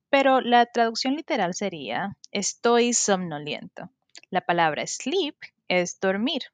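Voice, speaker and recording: A woman, teaching an English lesson on a podcast in a slow, careful way and modeling the words for learners. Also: mid-range voice, dry recording. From Colombia. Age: 20s.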